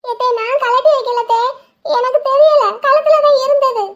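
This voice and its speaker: A woman voicing a naive young girl bride in a cartoon, chattering in a shrill, breathless way. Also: steady tone, normal speed, highs cut off. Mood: earnest. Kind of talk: cartoon voice acting.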